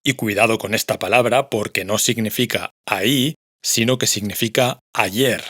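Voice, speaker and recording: A man teaching a scripted pronunciation lesson, measured and pausing to model each word clearly. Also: on the low side, fairly bright tone, dry recording, clean studio sound. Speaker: language teacher.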